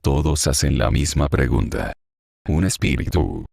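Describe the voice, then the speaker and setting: A man's voice: a bass voice, measured pace, gravelly, darkish tone, no echo, studio quality, heavily acted. A man reading the part of a grieving, confused old man in an audiobook, murmuring in a hollow voice as if talking to himself.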